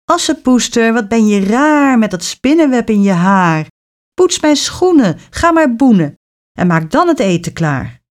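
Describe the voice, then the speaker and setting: A pair of spiteful young stepsisters, put on by a woman, singing their taunts in a high, shrill, sing-song voice. They sound bratty and jeering, a storybook pair of bullies. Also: big pitch swings, a little slow. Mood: taunting.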